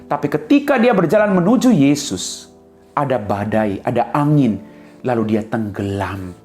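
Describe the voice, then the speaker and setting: Priest preaching with dramatic swings. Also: male voice, medium pitch, very animated, a little slow. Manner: dramatic swings from loud to hushed. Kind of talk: sermon. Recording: echoey room with soft music.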